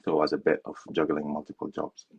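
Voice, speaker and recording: A man's voice: extremely low pitch, monotone, fast talker, gravelly, darkish tone, husky, lo-fi sound. A young man from Syria answering interview questions in a hesitant way, with fillers and restarts. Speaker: interview guest.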